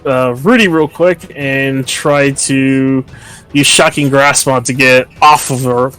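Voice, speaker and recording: A man's voice: medium pitch, steady tone, slow, fairly bright tone, clear, resonant tone, faint music behind. A man playing a tabletop game, wry and sighing at his character's bad luck. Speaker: player.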